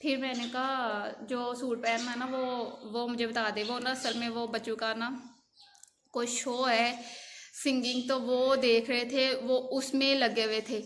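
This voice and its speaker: A young woman talks to her camera in a casual vlog, retelling her day with emotion and plenty of repetition. Her voice is bright and sits a little high. Faint background noise runs under the recording. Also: flat delivery, measured pace. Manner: emotional, rambling, repeats herself often. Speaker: vlogger.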